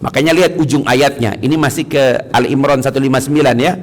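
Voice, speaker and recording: A man preaching a mosque sermon to his congregation, animated, breaking into shouted high quotes and then dropping to soft murmurs. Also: fast. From Indonesia. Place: mosque hall.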